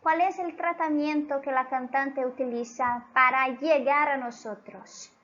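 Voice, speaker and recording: A woman's voice: high voice, steady tone, unhurried, fairly bright tone. A woman who is a native Portuguese speaker, teaching a Spanish grammar lesson patiently and often checking in with her students. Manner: patient, keeps checking in with listeners. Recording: dull lo-fi recording.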